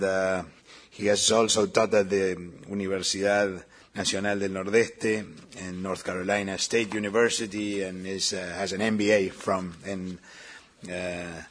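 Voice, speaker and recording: A man moderating a panel, introducing speakers with many fillers and pauses. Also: low voice, a bit bright, breathy edge. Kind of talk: formal event introductions.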